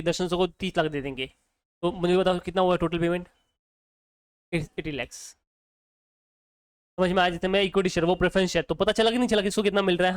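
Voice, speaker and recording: A male accounting teacher gives a casual exam-prep lecture, quizzing students with repeated questions. His voice sits high and is clear and resonant, with no room sound.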